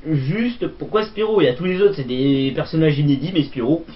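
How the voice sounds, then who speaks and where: In a muffled lo-fi recording, a man with a husky, fairly high voice hosts a comedic toy-figure show. He plays a goofy mock presenter, brisk in pace and jokey but brusque.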